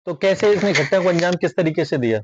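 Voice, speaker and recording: A woman interviewer who asks short questions and keeps up a steady stream of quiet acknowledgements. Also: lowish voice, quick pace, dull audio, a little hiss or hum. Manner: constant short murmured acknowledgements.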